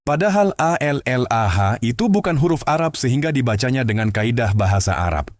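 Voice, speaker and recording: A man hosting and narrating scripted commentary in a steady, explanatory way. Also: mid-range voice, brisk, dry recording. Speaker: host.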